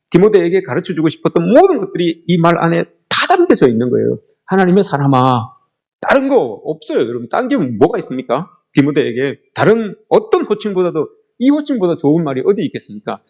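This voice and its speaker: Lively-voiced Korean pastor preaching. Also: male voice, on the high side, fairly quick. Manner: earnest storytelling preaching, addressing the congregation often. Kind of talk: sermon.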